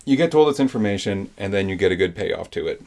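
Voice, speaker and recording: Man, deep voice, chatty book reviewer, eager and meandering, heavy on fillers. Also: animated, quick pace, vocal fry, a little mellow. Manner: enthusiastic, rambling, with many fillers. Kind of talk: casual spoken book review.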